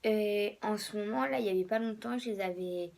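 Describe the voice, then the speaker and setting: A hoarse young woman, a bit sick, rambling casually about her sneakers with many fillers and drops to a whisper. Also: mid-range voice, fairly quick, darkish tone. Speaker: vlogger. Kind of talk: casual sneaker show-and-tell.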